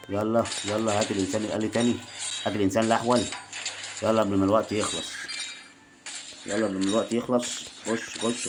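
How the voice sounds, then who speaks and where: An Egyptian man with a very low voice, chatting his way through a match. He coaxes, teases and cheers in quick bursts, with loud game music running behind him. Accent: Egyptian Arabic. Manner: chatty, coaxing, teasing the opponent, bursts of excitement. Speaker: gaming video host. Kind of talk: casual gameplay commentary.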